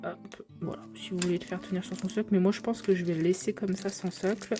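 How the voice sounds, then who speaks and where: A woman's voice: fairly low pitch, steady tone, quick pace, music in the background. A young woman, chatting to viewers as she unboxes figures, gushing over how cute they are. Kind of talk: casual unboxing vlog.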